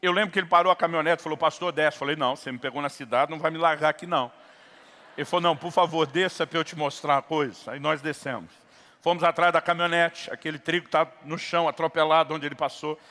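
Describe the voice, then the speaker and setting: Bright-voiced preacher in an echoing hall. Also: male voice, a little high. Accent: Brazilian Portuguese, São Paulo. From Brazil. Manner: storytelling, acting out a dialogue, rising to shouts. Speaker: pastor. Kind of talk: sermon with storytelling.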